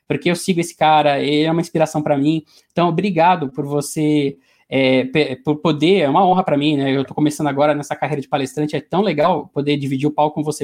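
Fast-talking Brazilian motivational speaker. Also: male voice, on the high side. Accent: Brazilian Portuguese. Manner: animated, conversational storyteller. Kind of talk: storytelling in an interview.

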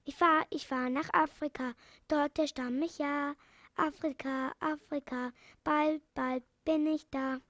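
A woman voicing an excited little male monkey chanting a sing-song rhyme in a storybook. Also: high voice, measured pace, dry recording, clean studio sound. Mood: gleeful.

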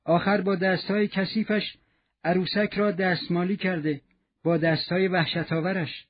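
A man's voice: high-pitched, flat delivery, breathy edge, dull audio. A man voicing a harsh, spiteful innkeeper's wife in a storybook reading, with a scolding manner that turns sugary. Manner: scolding, then sugary forced sweetness.

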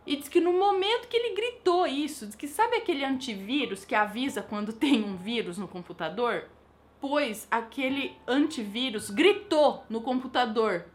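A woman's voice: sits high, expressive, moderate pace. A woman with a Brazilian Portuguese accent, hosting a channel and telling a viewer's paranormal story in a chatty, casual way, musing aloud with rhetorical questions.

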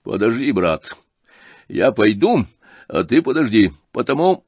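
A man's voice: mid-range voice, big pitch swings, a little slow, a little mellow, slightly rough, no room sound, exaggerated voice. A male reader voicing a flustered, stammering elderly general in an audiobook. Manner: stammering, agitated.

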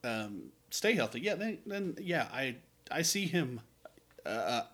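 A man with a mid-range voice co-hosts a relaxed golf podcast. He teases his partner, laughs a lot and makes bold calls with easy confidence. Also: mid-range voice, a little slow. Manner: laughs often, teasing, bold predictions. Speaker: podcast co-host. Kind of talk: casual sports chat.

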